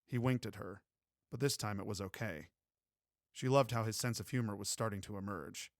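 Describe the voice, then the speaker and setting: A man's voice: fairly low pitch, normal speed, dry recording. Man reading a romance story, dry close sound. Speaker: audiobook narrator. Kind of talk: scripted narration.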